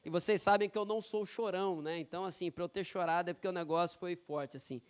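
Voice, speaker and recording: Brief: male pastor from São Paulo, high and clear, chatty storytelling sermon. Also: fairly even intonation, quick pace. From São Paulo, Brazil. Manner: conversational, personal storytelling with frequent tag questions. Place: church sanctuary.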